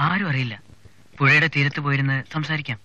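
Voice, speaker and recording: A cocky, pushy young suitor. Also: male voice, a little high, steady tone, quick pace, sharp tone, dry recording. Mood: coaxing. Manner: insistent, cocky. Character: bold teasing young man, persistent. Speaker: young man pressing a girl to meet him. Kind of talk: 1990s film dialogue. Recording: dull lo-fi old film soundtrack.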